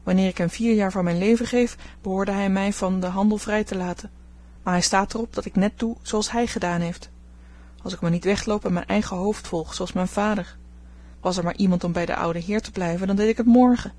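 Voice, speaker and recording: A woman reading an audiobook, voicing an impatient, spirited teenage boy, excited and rebellious, with a slightly husky voice. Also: medium pitch, fairly quick, lightly acted. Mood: restless.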